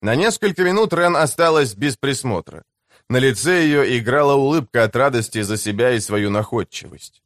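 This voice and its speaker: A man's voice: medium pitch, animated, moderate pace, a bit bright, no echo. Man narrating an audiobook, dry sound. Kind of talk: scripted narration.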